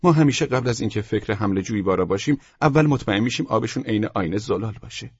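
A man voicing a courteous male junk-store salesman with pleasant, smooth sales patter, on a dull lo-fi recording. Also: fairly low pitch, lively intonation, a little mellow, dry recording, pitched above the performer's own voice.

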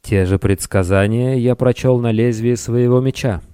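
A man voicing a bold pirate captain in a dry, mocking way, close to his own low voice. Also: steady tone, moderate pace, mellow, smooth, dry recording, natural voice.

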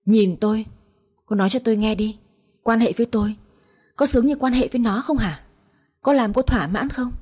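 A woman voicing a cold, vengeful husband who speaks harshly and with scorn, in a soft, somewhat breathy voice. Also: fairly high pitch, brisk, pauses often. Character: cold, vengeful husband, a man in his thirties.

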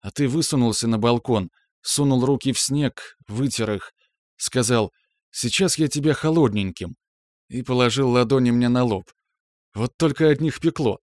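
A gentle, cooing middle-aged mother from an audiobook story, read by a man. The voice stays close to his own, at a middle pitch, in a dry recording. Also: normal speed, dry recording, close to an everyday voice. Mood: fond.

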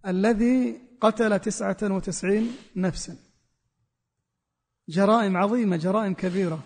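A man's voice: high-pitched, creaky, a little mellow, long reverb tail. A man preacher giving a religious sermon, repeating key phrases for emphasis. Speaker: Islamic preacher.

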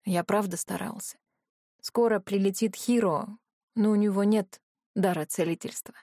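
A woman voicing an exhausted young male dragon shifter who speaks wearily and hoarsely. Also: mid-range voice, steady tone, moderate pace, mellow, no echo, clean studio sound, close to an everyday voice. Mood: weary, hushed. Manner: weary and hoarse.

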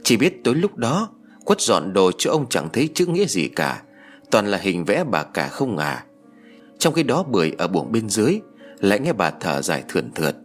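Man, audiobook narrator, low voice, animated delivery, faint background music. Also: normal speed.

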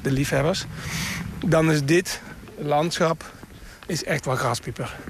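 A man's voice: on the high side, unhurried, a little hiss or hum. A man who is a bird sound expert, explaining in the open air and sometimes imitating bird calls. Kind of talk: explaining in a field report. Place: outdoors in open grassland.

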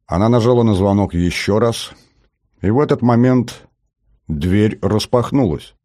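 A man narrating an audiobook in the first person, steady and measured, on a close mic. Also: fairly low pitch, no echo.

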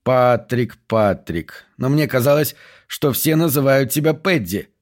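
A man voicing a mannered, pompous police captain with a squeaky voice and a falsely hearty, condescending manner. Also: lively intonation, a little slow, lightly acted.

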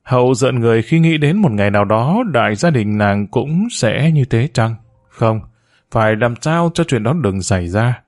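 A man narrating a family drama storybook in a steady, measured reading. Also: mid-range voice, dry recording, studio quality.

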